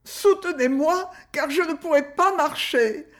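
A woman's voice: on the high side, big pitch swings, a little slow. A woman voicing a frightened young woman who pleads and confesses, her voice raised and trembling. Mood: pleading.

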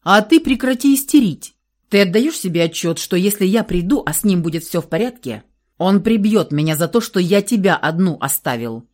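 A woman's voice: on the low side, very animated, normal speed, darkish tone. A woman voicing a dry, sardonic young man, a protective brother who grumbles and teases, in an audiobook reading. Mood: wry. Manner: wry, grumbling.

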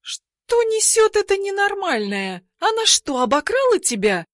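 A woman reader voicing a haughty, spiteful young woman who yells and sneers in an audiobook. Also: a little high, animated, unhurried, no room sound, clean studio sound. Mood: furious.

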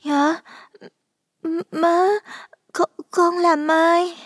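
A man's voice: very high-pitched, lively intonation, slow, vocal fry, dry recording, studio quality, voice pushed up, heavily acted. A man voicing a sobbing little ghost girl. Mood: tearful pleading. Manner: tearful, stammering and pleading. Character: frightened little ghost girl in a borrowed child's body. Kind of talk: audio storytelling.

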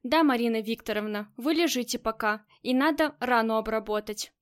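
A woman's voice: a little high, normal speed, close to an everyday voice. A woman voicing a polite but insistent male bodyguard in an audiobook. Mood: firm. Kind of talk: audiobook character reading.

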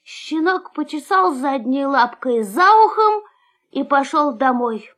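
Brief: woman narrator for a children's audio tale, very high voice, lively melodic reading. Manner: slow, expressive, lively storytelling. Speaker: storyteller.

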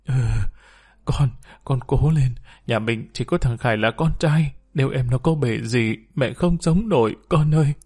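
A man's voice: mid-range voice, measured pace, a little mellow, husky. A man voicing an older mother who talks in a tearful, fretful way. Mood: worried. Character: older mother, frantic and weeping over her son.

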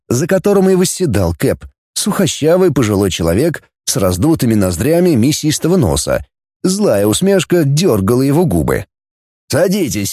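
A man reading a science fiction story aloud in expressive narration, acting out the dialogue. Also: mid-range voice, no echo, studio quality. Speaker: audiobook narrator. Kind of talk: scripted narration.

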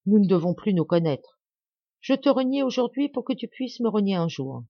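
A woman reading a bitter, vengeful young man with a grave, measured, menacing delivery. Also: mid-range voice, sing-song, no echo, pitched above the performer's own voice. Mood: cold menace. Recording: dull dry lo-fi audio.

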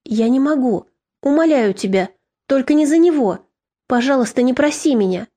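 Woman narrator doing a scared young girl, high and pleading. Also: lively intonation, moderate pace, dark tone.

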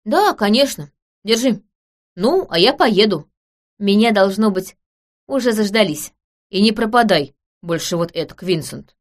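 A woman reading an audiobook, voicing an easygoing young prince who talks in a lively, exclamatory way. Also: medium pitch, measured pace, lightly acted.

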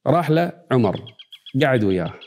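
A middle-aged man with a Gulf Arabic accent telling a story as a preacher, animated and switching between dialect and classical quotes. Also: mid-range voice, brisk. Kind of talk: dramatic storytelling sermon.

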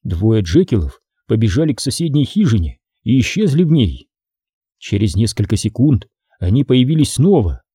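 A man reads an adventure story aloud with a very dark, husky tone. His delivery is lively and expressive, and the recording is dry and close. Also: medium pitch, moderate pace, no room sound. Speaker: audiobook narrator. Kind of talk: scripted audiobook narration.

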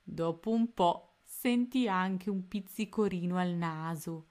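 A woman narrating a children's storybook aloud at a gentle, unhurried pace. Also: fairly low pitch. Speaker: reader of children's books.

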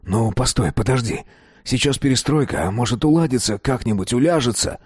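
A man's voice: medium pitch, expressive, brisk, a little mellow, breathy edge, no echo, clean studio sound. A man reading the part of an anxious factory crook who pleads and turns menacing when cornered. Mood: pleading. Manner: worried, pleading, agitated.

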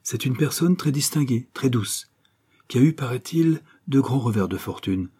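A man reading aloud who voices an affectionate young girl, gentle and pleading in a storybook. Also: medium pitch, lively intonation, moderate pace, husky, pitched above the performer's own voice. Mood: earnest.

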